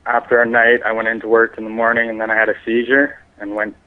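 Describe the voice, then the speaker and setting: Over a muffled, narrow phone line, a man targeted by a prank call answers questions defensively and insistently. His mid-range voice is monotone and fast.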